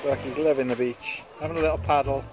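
A man's voice: medium pitch, steady tone, quick pace, music in the background. A man vlogging his family's beach day outdoors, talking into a handheld phone with an upbeat, jokey running commentary. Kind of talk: casual family vlog chat. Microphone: handheld phone camera.

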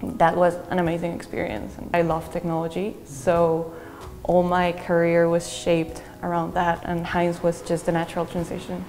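A young woman, a graduate student speaking earnestly in a measured way with thoughtful pauses in an interview testimonial. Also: fairly low pitch, monotone, darkish tone. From Peru. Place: bright indoor university hallway with large windows. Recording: long reverb with faint music behind.

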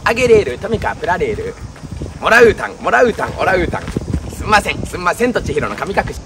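High, animated comedian, outdoors. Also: male voice, quick pace. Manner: punchy, pun-driven delivery. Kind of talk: rapid one-liner gag medley. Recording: distant mic, noisy outdoor ambience.

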